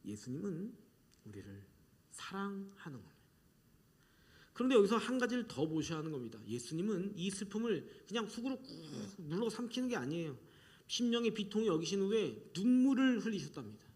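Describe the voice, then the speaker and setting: A middle-aged male pastor preaching a sermon in an animated way, acting out quoted voices and sometimes dropping to a soft whisper. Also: sits high, fairly quick.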